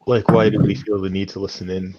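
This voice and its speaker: A man with a deep voice plays a tabletop game and asks casual questions about the scene. His audio sounds dull and lo-fi. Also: level tone, fast, no room sound. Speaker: player. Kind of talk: casual tabletop role-play.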